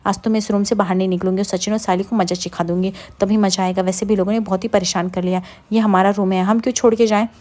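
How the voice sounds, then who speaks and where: A woman's voice: medium pitch, level tone, fast talker, few pauses, dark tone, lightly acted. A woman reading as a sly young wife. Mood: defensive. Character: sly young wife guarding her room.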